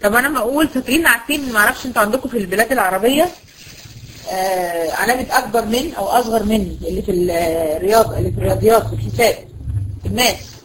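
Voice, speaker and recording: The speaker is a Quran recitation teacher, an Egyptian-accented woman giving a brisk tajweed lesson; she quizzes students, answers her own questions, and slows to stretch out example words. Her pitch is medium. The recording is rough, with a little hiss or hum.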